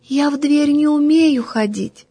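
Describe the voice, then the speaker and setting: A woman voicing a tiny, timid creature girl with a thin, high little voice in a storybook reading. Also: unhurried, mellow. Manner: plain, shy, short answers.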